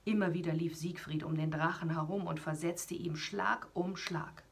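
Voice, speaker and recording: A woman, a radio host, reading a children's story aloud in an animated way, often whispering and adding little asides to children. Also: lowish voice, moderate pace, slightly rough.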